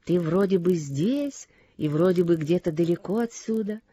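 Woman doing a young man, worried gentle suitor, low soft voice, dark tone, dry close sound. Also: normal speed, slightly rough, dry recording, muffled recording. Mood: puzzled.

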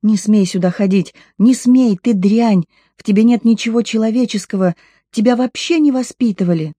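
Brief: reader as a shrill, trembling, outraged mother in an audiobook, dark tone. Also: brisk, no echo, studio quality, lightly acted. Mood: furious. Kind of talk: audiobook reading.

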